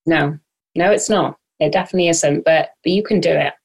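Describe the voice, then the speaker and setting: A woman's voice: low voice, fairly quick, vocal fry, breathy edge. A woman talking casually and encouragingly as an interview guest.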